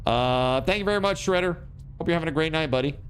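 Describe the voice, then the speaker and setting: A man livestreaming and chatting casually with viewers, giving shout-outs in an excitable, hyped way with repeated words and exclamations. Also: a little high, quick pace, slight background noise. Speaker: live game streamer.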